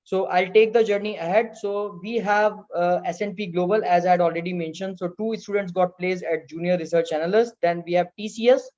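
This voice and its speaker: A man with an Indian accent moderating an online presentation as host, in a halting way. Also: high voice, steady tone, darkish tone. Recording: dull, lo-fi video call audio.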